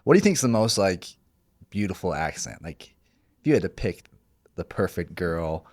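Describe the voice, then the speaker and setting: A man's voice: sits low, sing-song, moderate pace, darkish tone, no echo. A man co-hosting a podcast in casual chat, joking around and laughing often. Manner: joking, laughs often, slips into put-on accents. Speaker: podcast co-host.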